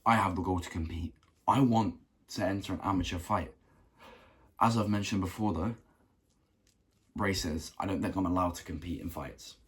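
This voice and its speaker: A young man giving an earnest motivational talk to camera, repeating phrases for emphasis and clearing a rough throat. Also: low voice, moderate pace, long pauses. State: keeps clearing his throat. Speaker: self-improvement vlogger.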